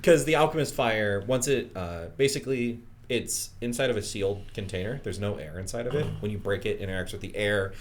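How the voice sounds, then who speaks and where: A man narrating as game master of a tabletop game, descriptive and quick to laugh, with many fillers. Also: lowish voice, slight background noise.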